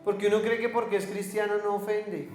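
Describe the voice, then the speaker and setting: A middle-aged Colombian pastor delivers a sermon in a fairly high voice, slipping into the voices of the people in his stories. His words ring around a reverberant church hall with faint music underneath. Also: flat delivery, brisk, a little mellow. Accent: Colombian Spanish. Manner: storytelling, acting out dialogue, colloquial.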